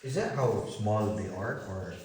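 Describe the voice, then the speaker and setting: Very deep-voiced woman, echoing. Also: unhurried, warm tone, a little hiss or hum. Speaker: tourist. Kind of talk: casual questions and chat. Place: inside a cave on a tour. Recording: echoey cave with voices around.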